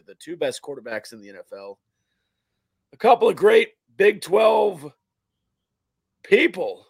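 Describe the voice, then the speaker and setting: A man hosting a casual football talk show, his voice hoarse, raspy and strained. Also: fairly high pitch, no room sound. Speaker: sports show host.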